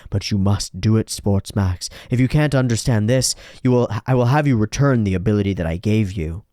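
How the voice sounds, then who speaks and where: A man voicing a cold, menacing male spirit in a manga reading, speaking slowly and low in a commanding way. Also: dark tone, no echo, studio quality, lightly acted.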